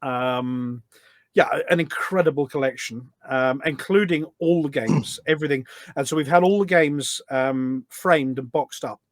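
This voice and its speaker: A middle-aged man, a volunteer event organiser, appears as a podcast guest in a casual conversational interview and speaks at length, explaining anecdotally. His medium-pitched voice is a little slow, with no room sound.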